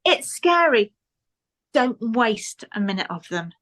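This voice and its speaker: A woman's voice: a little high, big pitch swings, slow pace, fairly bright tone. A woman guest on a podcast interview, giving earnest motivational advice and repeating points for emphasis.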